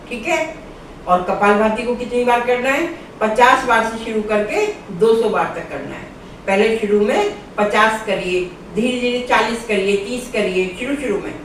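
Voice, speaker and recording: A woman's voice: mid-range voice, a little hiss or hum. Yoga lady walking you thru breathing, patient, step by step, far off mic in a really echoey room. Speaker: yoga instructor. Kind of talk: instructional yoga lesson.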